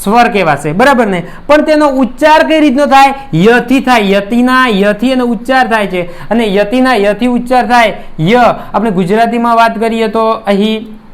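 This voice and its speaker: A man's voice: very high-pitched, moderate pace. A man with a Gujarati accent teaching an English grammar lesson, patiently explaining with examples and often asking "right?". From India. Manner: keeps asking "right?" to check understanding; addresses students as friends, explains patiently with examples.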